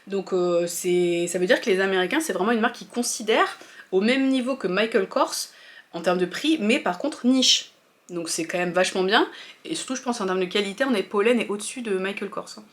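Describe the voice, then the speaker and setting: A woman's voice: medium pitch, brisk. Chatty French woman vlogger. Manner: chatty, hesitant, many fillers and restarts. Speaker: fashion vlogger. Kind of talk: casual opinion chat to viewers.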